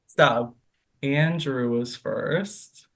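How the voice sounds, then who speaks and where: A man's voice: medium pitch, drawn-out words. A man hosting an online game show over a video call, announcing results with an upbeat, giggly manner.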